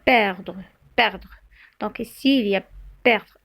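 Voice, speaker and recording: Slow, halting woman teaching spelling. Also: medium pitch, gravelly, a bit bright. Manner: slow, halting, many fillers and self-corrections. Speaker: French teacher. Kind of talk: spelling lesson.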